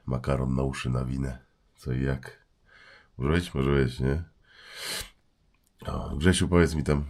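A man's voice: rumbling low, a little mellow, slightly rough. A man with a stuffy nose from a cold hosting a casual livestream at home, joking and greeting viewers by name. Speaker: livestream host.

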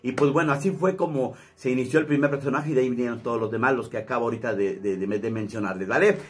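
A man's voice: medium pitch, fast talker. A man, a comedian chatting casually to his channel in a rambling way. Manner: chatty, rambling, many fillers. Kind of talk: casual vlog talk.

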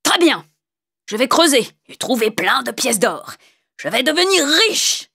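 A woman voicing a greedy, cruel man in a storybook tale, speaking loudly, angrily and blusteringly. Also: on the high side, very animated, measured pace, creaky, husky, pitched above the performer's own voice, full character voice. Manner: loud, angry, blustering. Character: greedy cruel mean man, angry and grasping.

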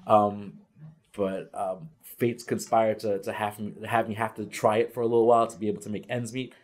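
Speaking at a moderate pace with a fairly low, level voice, a middle-aged man who coaches ethnic studies teachers addresses students from a panel table in a lecture room. He is earnest but often restarts and uses fillers. The microphone is a far camera.

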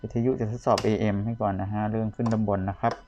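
A man's voice: on the low side, little pitch movement, rapid-fire, darkish tone, highs cut off. A man giving a casual product review as a seller demonstrating vintage audio gear. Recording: clear background noise, clicking buttons, radio bleed. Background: radio or tape of the demonstrated player.

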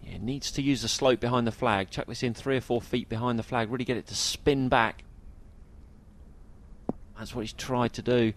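A man's voice: medium pitch, fairly even intonation, moderate pace, slight background noise. A man giving golf commentary, analysing each shot of a tournament.

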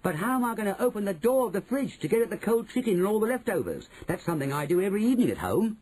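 A man voicing a loud, greedy, indignant boy who has been turned into a mouse, in a storybook reading. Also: high voice, very animated, rapid-fire, breathy edge, pitched above the performer's own voice, full character voice, low-quality recording. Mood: greedy, perking up. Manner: blustering, loud-mouthed, outraged exclamations.

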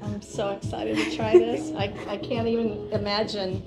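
An upbeat, chatty woman hosts a casual local interview and tastes food on camera. She speaks at an average pitch with a gushing, friendly manner. Music plays clearly under her voice. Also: little pitch movement, moderate pace, low-quality recording. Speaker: host.

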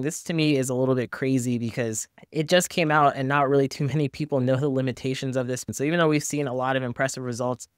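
Speaking into a desk mic placed close in front, a man in his thirties gives viewers a candid, conversational screen-share review as host of a tech channel. He has a smooth, medium-pitched voice, and the recording from his small indoor home office or studio is dry.

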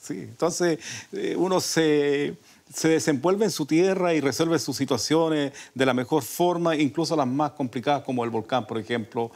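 A man's voice: on the high side, normal speed, darkish tone. An older man from Chile with a Chilean Spanish accent, a folk singer telling long rambling stories in a radio interview. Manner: rambling, with many restarts and fillers. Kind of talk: relaxed storytelling interview. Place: radio studio.

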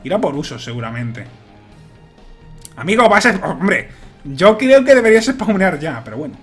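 Excitable gamer with faint music. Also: male voice, high voice, moderate pace, husky. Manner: excitable, shouts and repeats words when nervous. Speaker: gaming YouTuber. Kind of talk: Let's Play commentary.

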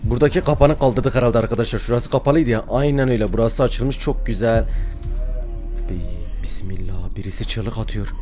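With soft background music playing, a young man commentates his horror game run in a fairly quick, mid-range voice with a darkish tone. The gaming YouTuber plays it brave, then yelps and screams when frightened and mutters prayers when scared.

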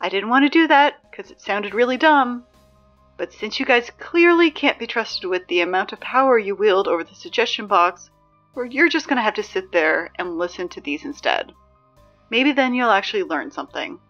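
In a fiction podcast, a woman plays a sarcastic school announcer, dry, exasperated, and emphatic, in a medium-pitched, fairly bright voice close to her everyday one. She speaks at normal speed with lively intonation, over music, in dull lo-fi sound.

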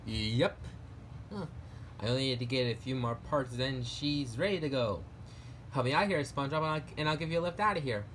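A man voicing an easygoing male frog puppet with a folksy, hesitant, unhurried manner in an amateur parody. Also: mid-range voice, fairly bright tone, close to an everyday voice. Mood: reassuring, folksy. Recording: noisy homemade recording.

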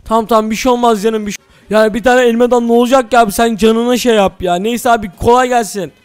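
An excitable man narrating his own Minecraft role-play in a very high, fast voice and talking straight to his viewers. Faint game music plays behind him. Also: clean tone. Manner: excitable, addresses viewers as "friends". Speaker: gaming channel host.

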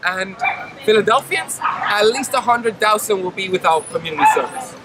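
A man in his thirties speaks with earnest insistence about his cause, his voice set a little high for a man. He is recorded outdoors on a city street, with clear traffic noise running under every word. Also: expressive, normal speed. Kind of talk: street interview. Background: traffic and city ambience.

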